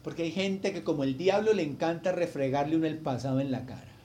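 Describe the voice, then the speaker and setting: A male pastor delivers a heartfelt sermon in a notably high voice. He swings from loud, emphatic lines down to hushed, intimate asides. A faint hum of room ambience sits behind him. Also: fast talker. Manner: emotional storytelling, swinging between loud emphasis and quiet asides.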